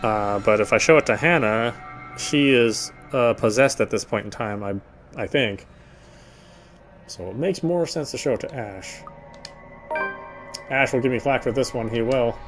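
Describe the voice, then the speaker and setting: A man streams himself narrating a visual novel, adding side comments and sometimes tripping over lines and repeating words. His mid-range voice is a little slow with long pauses, and soft music plays in the background.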